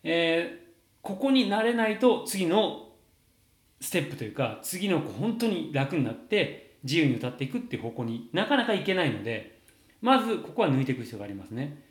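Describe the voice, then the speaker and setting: A man coaching singing, answering viewer questions in a lively, explanatory way with frequent fillers. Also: fairly high pitch, a little fast. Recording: roomy echo.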